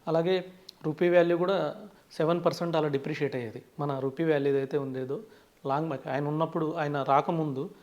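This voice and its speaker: A man with a Telugu accent talks fast in a slightly high, steady voice with a darkish tone, and the audio sounds dull. He plays a finance expert in an interview, explaining concepts with English terms woven in and starting many sentences with "so".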